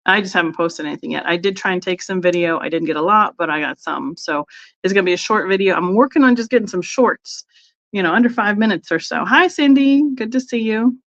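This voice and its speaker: A woman's voice: mid-range voice, fairly quick, a bit bright. Woman host of a live-stream sale, rambling and chatty, greets viewers by name, dull lo-fi audio. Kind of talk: casual live-stream chat.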